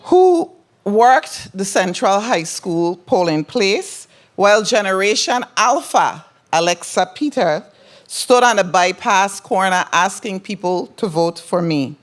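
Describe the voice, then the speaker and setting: Middle-aged woman, mid-pitched, Virgin Islands Crucian accent, delivering a formal senator's speech of thanks with personal asides. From Saint Croix, US Virgin Islands. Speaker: newly elected senator. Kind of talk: ceremonial thank-you speech.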